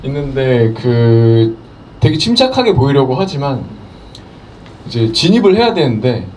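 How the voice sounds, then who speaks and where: A man actor telling a behind-the-scenes story at a screening, acting out the lines he quotes. His pitch jumps around a lot. He is picked up from some distance, with faint noise. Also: big pitch swings, a little slow, darkish tone. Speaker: film actor. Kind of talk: animated storytelling at a Q&A.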